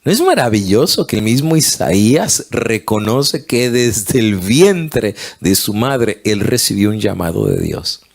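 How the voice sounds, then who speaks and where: A male preacher delivering a sermon, telling a story and reading scripture slowly and emphatically. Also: lowish voice, very animated, gravelly.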